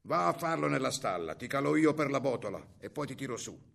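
A man's voice: mid-range voice, very animated, a little fast, creaky, fairly bright tone. A man voicing a sly hairy ogress who poses as a grandmother, talking in a coaxing, falsely sweet way.

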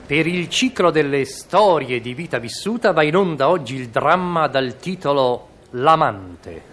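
A man's voice: fairly high pitch, animated, a little slow, a bit bright. A man narrating a comic radio story with a playful delivery.

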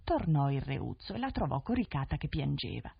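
A woman narrating a fairy tale in an expressive, lilting storytelling style, on a 1970s radio recording. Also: sits low, fairly quick, vocal fry, husky, no echo. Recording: dull dry 1970s radio studio recording.

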